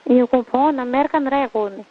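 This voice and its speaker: Captured on a tinny, narrow-band phone line, a woman speaks with a Marwari Rajasthani accent. Her voice sits high and moves at normal speed as she chats in a casual, intimate way.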